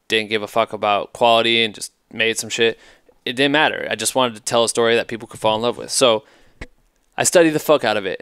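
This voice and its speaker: A man's voice: fairly low pitch, fairly bright tone, smooth, no echo, clean studio sound. Profane, emphatic man in his thirties. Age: 30s. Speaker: podcast host. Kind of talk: casual advice monologue. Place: hotel room at night, indoors. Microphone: headset mic.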